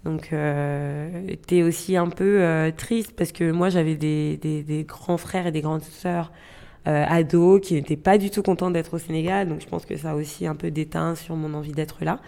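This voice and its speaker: A woman's voice: sits low, fairly even intonation, moderate pace, creaky, mellow. A woman in her twenties from Gabon, telling her own story in an interview, reflective and hesitant, with frequent fillers and restarts. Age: 20s.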